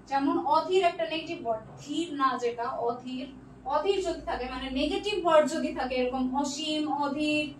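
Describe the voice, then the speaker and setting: High-voiced young woman tutoring in an echoey room. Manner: patient, checks answers one by one, mixes in English words. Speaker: online tutor. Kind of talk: live online class reading student comments. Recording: echoey room, distant mic, faint noise.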